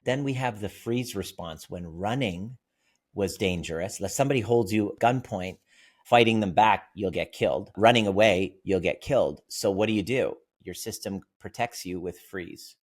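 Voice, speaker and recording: A man's voice: fairly low pitch, normal speed. A man, a therapist guest on a podcast interview, explaining ideas through vivid stories and examples.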